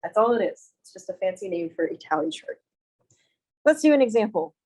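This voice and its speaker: A woman's voice: medium pitch, animated, brisk, darkish tone, rough recording. A young woman lecturing a math class in a classroom, casual and self-deprecating, often asking the students questions. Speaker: math instructor.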